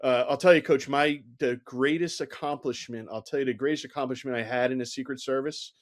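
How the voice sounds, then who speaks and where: Speaking at medium pitch and a brisk pace, a middle-aged former Secret Service agent recounts stories during a conversational interview. His telling is lively, peppered with "you know," and he performs the lines people said.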